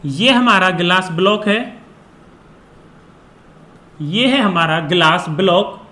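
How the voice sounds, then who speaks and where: A man from India teaching a physics lesson, repeating key phrases and dictating definitions slowly word by word. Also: high-pitched, sharp tone. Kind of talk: classroom physics lesson in Hindi and English. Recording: echoey room.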